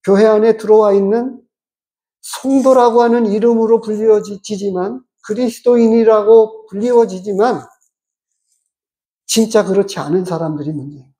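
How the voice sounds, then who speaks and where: A pastor giving a measured, explanatory sermon and asking the congregation rhetorical questions. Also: mid-range voice, mellow.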